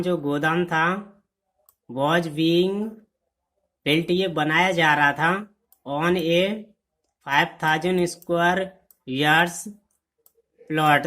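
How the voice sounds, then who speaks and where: A woman's voice: deep voice, fairly bright tone. A woman with an Indian English accent teaching a newspaper reading lesson, reading English phrase by phrase and explaining each one in Hindi.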